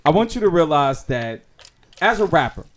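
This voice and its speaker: A man hosting a radio talk show in a studio, animated and joking, talking over the others. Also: on the high side, moderate pace. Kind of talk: casual radio chat.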